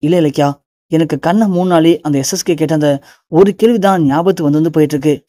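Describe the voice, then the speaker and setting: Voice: medium pitch, fast, mellow, no room sound, studio quality, natural voice. A narrator voicing a desperate young man pleading to learn who his father is. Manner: pleading, insistent.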